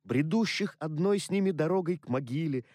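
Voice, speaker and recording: A man's voice: a little high, brisk, no room sound, clean studio sound, pitched above the performer's own voice, lightly acted. A man doing a cheerful, eager young nephew. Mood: earnest. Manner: lively, cheerful, pleading. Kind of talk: audiobook character reading.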